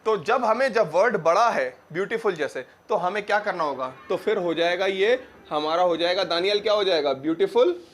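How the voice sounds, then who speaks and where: A high-pitched young man teaches grammar in front of a class. He asks a question, answers it himself, and says key words slowly and more than once so students can follow. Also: lively intonation. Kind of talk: classroom lecture.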